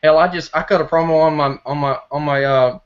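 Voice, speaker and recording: A man's voice: on the high side, steady tone, fairly quick, a little hiss or hum. A young man appearing as a podcast guest, outspoken and brash in casual chat. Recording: dull lo-fi sound.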